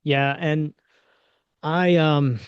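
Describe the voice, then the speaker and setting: A man's voice: a little high, fairly even intonation, drawn-out words, smooth, no echo. Frank man on a dull webinar line. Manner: frank, conversational, many fillers. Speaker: panelist and local political candidate. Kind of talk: casual panel discussion. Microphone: video call. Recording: dull, lo-fi, dry webinar audio.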